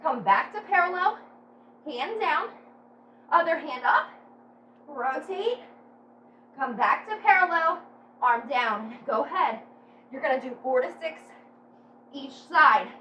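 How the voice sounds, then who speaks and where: Upbeat lady fitness instructor with a high voice, short encouraging cues, echoey room, kinda far from the mic. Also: lively intonation, slow, pauses often, sharp tone, muffled recording, a little hiss or hum. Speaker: fitness instructor leading a home workout. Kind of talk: live workout coaching and demonstration. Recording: echoey room, distant microphone.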